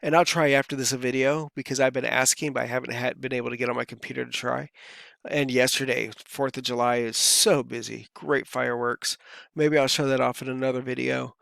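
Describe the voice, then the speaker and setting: A man's voice: medium pitch, flat delivery, fairly quick, gravelly, a bit bright, no room sound, clean studio sound. A man from California talking casually to camera as a vlogger, rambling and easygoing with lots of fillers, his voice a bit worn. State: voice feels worn. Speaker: crypto vlogger.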